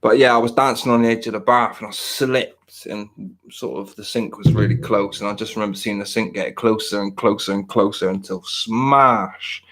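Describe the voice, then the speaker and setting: A man's voice: on the low side, a bit bright. A man in his thirties chatting casually, rambling and poking fun at himself. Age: 30s. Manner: rambling, self-mocking, restarts often. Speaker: podcast host. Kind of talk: casual chat.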